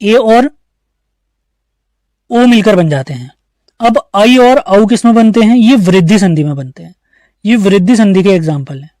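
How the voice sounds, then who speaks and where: A man's voice: high voice, expressive, measured pace, pauses often, darkish tone, dry recording, studio quality. A male teacher giving an online exam-prep grammar lesson, explaining step by step and asking the class questions that he answers himself. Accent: Uttarakhand Hindi.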